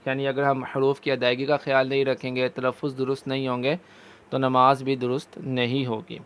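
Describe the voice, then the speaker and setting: Smooth-voiced man teaching Quran recitation. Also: mid-range voice, fairly bright tone. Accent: Pakistani Urdu. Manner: slow drawn-out chanting of verses between brisk explanations. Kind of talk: recitation lesson.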